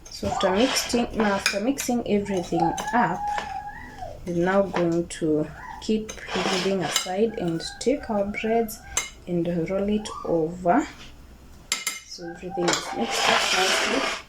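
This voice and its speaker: A woman's voice: medium pitch, a little slow. A Kenyan woman with a Kikuyu accent giving a casual cooking tutorial, repeating her words, checking in with viewers and mixing in some Swahili. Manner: mixes Swahili words into English. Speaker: home cook presenting a recipe video. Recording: clearly noisy home recording, kitchen clatter.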